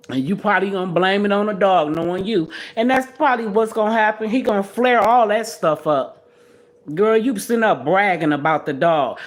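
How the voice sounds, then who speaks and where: A woman in her sixties hosts her own livestream and talks in a casual, blunt way. She scolds and trash-talks with plenty of energy. Her voice sits at a middle pitch. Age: 60s. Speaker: livestream host.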